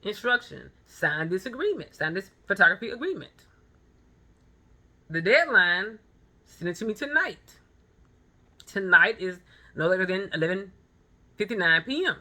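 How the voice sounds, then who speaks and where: Speaking at a moderate pace with frequent pauses, this woman in her thirties swings widely in pitch around a medium range, her tone bright and forceful. A vlogger and photographer, she offers a blunt motivational monologue, leaning on anecdotes and repetition for emphasis.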